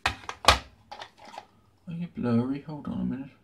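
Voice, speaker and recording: A man's voice: medium pitch, takes it slowly, gravelly. A man hosting a retro gaming video, chatting casually through an unboxing with dry, sarcastic asides from a small room at home. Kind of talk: casual show-and-tell unboxing. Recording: noticeable background noise.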